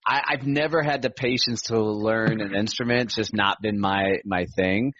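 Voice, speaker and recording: A man's voice: fairly low pitch, steady tone, normal speed, a bit bright, no room sound, dull audio. A man from the United States hosting a podcast, talking in an enthusiastic, slangy way and laughing often. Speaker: podcast host. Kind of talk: casual podcast interview.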